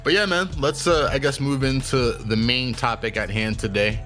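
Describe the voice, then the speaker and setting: A young adult man hosting a podcast, telling stories and giving career advice in a casual, profane, animated way. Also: medium pitch, normal speed, faint music behind. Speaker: podcast host.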